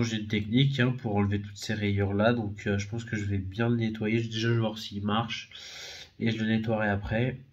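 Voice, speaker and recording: A DVD and Blu-ray collector with a head cold shows secondhand discs from his collection in a casual unboxing video. His voice is lowish, with the high frequencies cut off. He talks casually and hesitantly, full of fillers and self-corrections.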